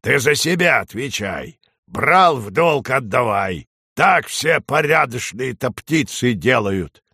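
A man voicing a nagging old female crow with a hoarse, unpleasant voice, scolding slowly. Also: mid-range voice, lively intonation, bright, forceful tone, no room sound, studio quality, exaggerated voice. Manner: slow, scolding.

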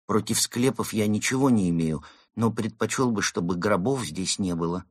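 A man's voice: lowish voice, moderate pace, breathy edge, pitched above the performer's own voice. A man doing a grumbling, timid penguin. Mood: gloomy. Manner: grumbling, uneasy.

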